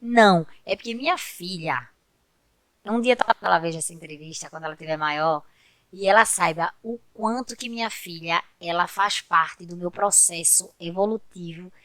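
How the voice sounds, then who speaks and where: A woman, speaking as a podcast guest in a bright, clear voice. She tells personal stories with open feeling and often turns to address the listeners directly. The sound is close and dry. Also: fairly low pitch, moderate pace, no echo. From Pernambuco, Brazil. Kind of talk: casual interview chat.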